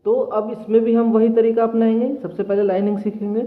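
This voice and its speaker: A man teaching reading to children in a patient classroom manner, often repeating himself and sounding out letters slowly. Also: high-pitched, flat delivery. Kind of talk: classroom lesson. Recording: tinny phone-like audio. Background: children nearby.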